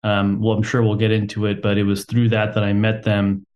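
A man's voice: on the low side, monotone, a little fast, a little mellow, muffled recording. A young man from Texas, a company co-founder, talking casually as a podcast guest with lots of "um"s and a self-deprecating humor. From Texas, USA.

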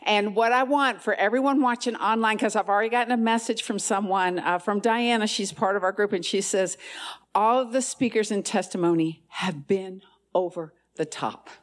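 A woman with a lilt speaks from a conference stage with charismatic fervor. She builds to emphatic, rallying declarations in a voice of everyday middle pitch. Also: moderate pace. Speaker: women's ministry speaker. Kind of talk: charismatic church talk.

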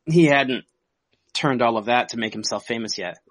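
A man with a gravelly voice who is sick, chatting casually as a podcast co-host. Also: medium pitch, normal speed, no echo.

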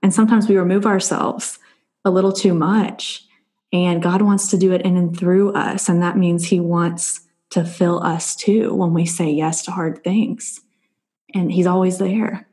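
A woman's voice: lowish voice, fairly even intonation, a little slow, dark tone. A woman hosting a faith-based podcast interview, talking in an earnest, reflective way. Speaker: podcast host.

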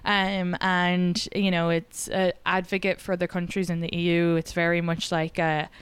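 A woman's voice: lowish voice, little pitch movement, normal speed, clean tone, dry recording. A woman from Ireland with an Irish accent, a comedian chatting casually as a podcast guest, full of fillers and quoted asides.

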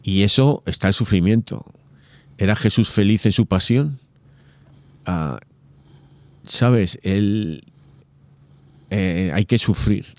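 A man's voice: on the low side, takes it slowly, long pauses, dry recording. A man in a casual religious conversation, talking animatedly and acting out quoted voices. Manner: animated, acts out quoted voices, many asides.

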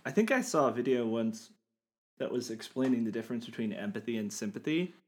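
A man's voice: mid-range voice, lively intonation, brisk. Curious man asking brief questions. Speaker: podcast co-host. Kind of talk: casual chat.

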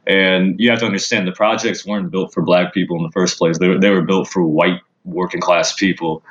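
A man's voice: low voice, level tone, fairly quick, fairly bright tone, highs cut off. A man from Washington DC chatting casually on a podcast, rambling with many stammered restarts. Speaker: podcast host. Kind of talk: casual chat.

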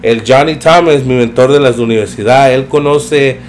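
A young man telling a story in a relaxed, slangy way, mixing in English phrases. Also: mid-range voice, normal speed, slight background noise. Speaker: podcast guest telling his career story. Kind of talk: casual storytelling chat.

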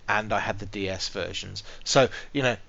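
A man's voice: on the low side, normal speed, creaky, pushed and bright. A British man co-hosting a podcast, chatting casually and bantering about video games. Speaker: podcast co-host. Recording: dull lo-fi podcast audio.

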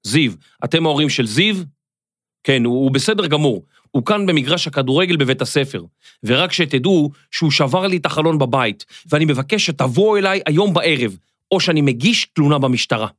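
A man voicing a grumpy, angry middle-aged neighbor who scolds and shouts, in a children's audio story. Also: fairly high pitch, expressive, no room sound, studio quality.

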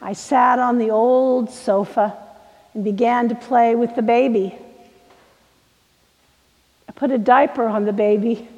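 A woman preacher tells a sermon story in a slow, dramatic way, dropping to a hush and then pressing hard on key words. Her voice sits fairly high, and a long reverb hangs after each phrase. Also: steady tone, lo-fi sound. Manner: dramatic, shifts from hushed to emphatic.

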